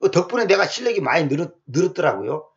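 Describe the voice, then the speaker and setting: A male pastor preaching a sermon in a colloquial, animated way full of rhetorical questions. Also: on the high side, fast. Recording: muffled lo-fi sound.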